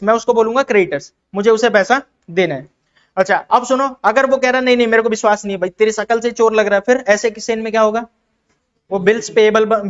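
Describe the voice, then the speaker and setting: With highs cut off, the high-pitched, somewhat bright voice belongs to an Indian man explaining accounting to a class. Questions go out to students and he answers them himself, key terms come back again and again, and he voices quick exchanges as other characters.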